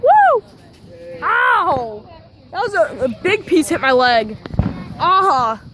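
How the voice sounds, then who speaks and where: A woman chatting casually and excitedly while filming fireworks outdoors, often whooping and shouting. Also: high-pitched, unhurried, a crowd in the background, poor audio. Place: outdoors during a fireworks display. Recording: outdoor phone audio with loud firework bangs.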